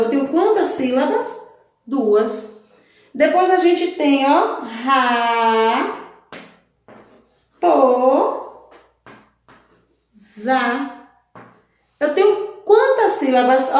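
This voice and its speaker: A woman's voice: high-pitched, a little mellow. A woman teaching a recorded lesson to young children, patient and sing-song, spelling out syllables and answering her own questions. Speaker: primary school teacher. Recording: very echoey room.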